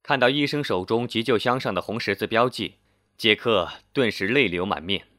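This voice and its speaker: A man narrating a scripted story in a steady, measured storytelling manner. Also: fairly low pitch, no echo, studio quality.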